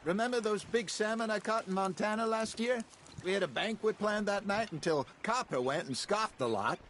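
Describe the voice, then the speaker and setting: An actor playing a genial frontier outlaw in a game who tells fishing tales in a folksy, teasing way. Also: male voice, high voice, moderate pace, a little hiss or hum. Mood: amused. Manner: folksy, teasing, animated storytelling. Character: genial older frontier outlaw, jokey storyteller. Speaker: gang member on a fishing trip.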